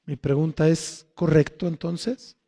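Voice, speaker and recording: A male pastor gives a sermon at a slow, deliberate pace in a fairly high, mellow voice. He keeps posing rhetorical questions and answering them himself. His voice rings with the long reverb of a church hall. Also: fairly even intonation, vocal fry.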